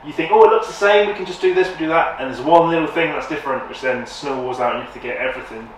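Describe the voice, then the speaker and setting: A man's voice: fairly high pitch, racing, a little hiss or hum. A man, hosting a workshop video in an upbeat, chatty way. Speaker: host, workshop presenter. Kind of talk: casual presenting. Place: tuning workshop, indoors. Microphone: far camera. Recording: echoey workshop from far off.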